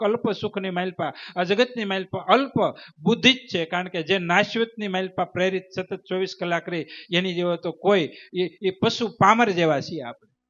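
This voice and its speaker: A man's voice: sits high, fairly bright tone. A man giving a devotional sermon as a spiritual teacher, preaching emphatically with rhythmic repetition. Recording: dull lo-fi recording.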